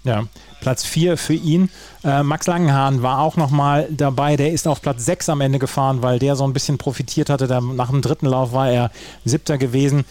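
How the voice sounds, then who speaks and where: A man's voice: mid-range voice, darkish tone. A man hosting a sports podcast, talking through results in fluent German with occasional fillers and restarts. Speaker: podcast host.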